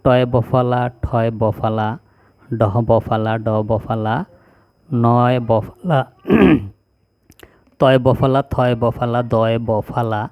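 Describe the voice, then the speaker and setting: A male teacher, slowly reciting a spelling lesson item by item in an even drill. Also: medium pitch, clean tone, no room sound, highs cut off. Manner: slow, even, drilling one item after another.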